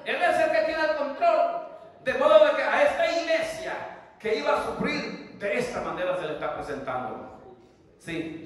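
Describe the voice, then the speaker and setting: A fervent middle-aged preacher with a very high voice delivers a sermon from a church pulpit. His words ring through a large reverberant sanctuary, picked up by a camera set well back from him. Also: a bit bright. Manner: fervent, keeps calling listeners brother. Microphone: far camera in the pews. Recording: echoey hall from far off.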